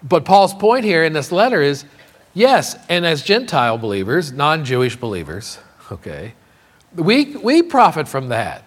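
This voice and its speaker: A man teaching a Bible lesson in a conversational way, often checking in with "okay?" and slowing down to read scripture aloud. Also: fairly high pitch, huge pitch swings. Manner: frequent fillers and restarts, slows to read scripture.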